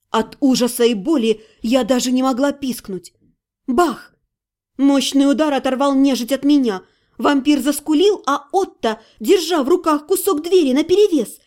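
A woman narrating a first-person fantasy audiobook in an expressive storytelling manner. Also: high voice. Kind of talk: scripted narration.

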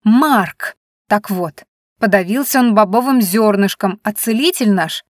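An impatient young woman on a quest argues loudly and insistently, exasperated at every delay, as a narrator voices herself in an audiobook. The sound is dry and close, with no room around it. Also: medium pitch, unhurried, no room sound, lightly acted. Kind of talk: audiobook reading.

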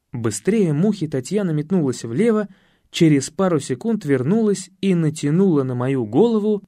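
A man with a warm, slightly higher than usual voice reads a comic story aloud as audiobook narration, his pitch rising and falling expressively. The recording is close and dry, with no echo.

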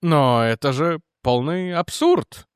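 A man's voice: a little high, lively intonation, slow pace, clean tone, no echo, clean studio sound. A man voicing an officious government representative who presses demands and questions. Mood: indignant demanding.

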